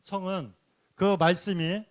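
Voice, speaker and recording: A man giving a sermon-like church lecture, earnestly explaining points and dropping a soft affirming "yes" between phrases. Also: high voice, fairly even intonation, slow. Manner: earnest, explanatory teaching with rhetorical questions.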